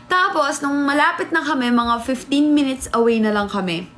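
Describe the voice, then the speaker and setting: Lively young woman telling a story. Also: high voice, moderate pace. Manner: animated, laughing, acts out quotes. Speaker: vlogger. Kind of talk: casual storytelling chat.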